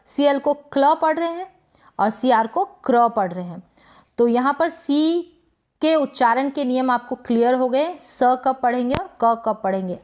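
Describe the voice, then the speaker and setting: A woman teaching English pronunciation as a lesson, explaining rules and asking and answering her own questions. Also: high voice. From India. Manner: slow, careful spelling-out of sounds.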